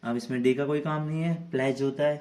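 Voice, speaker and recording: A man's voice: mid-range voice, fairly even intonation, fast, darkish tone. Man teaching children in a lesson. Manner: repetitive rhetorical questions, spelling words out letter by letter. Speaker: English teacher.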